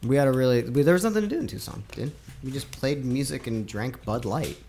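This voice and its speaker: A man's voice: medium pitch, animated, fairly quick, vocal fry, darkish tone, slight background noise. A man hosting a podcast, chatting casually, rambling and joking with heavy swearing. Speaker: podcast host. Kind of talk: casual chat.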